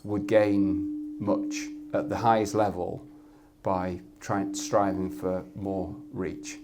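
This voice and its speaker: Over loud music, a loud Yorkshireman talks slowly in a low voice with little pitch movement. As a guest panelist and head of media effectiveness at an industry event, he thinks aloud, frequently restarting and repeating words.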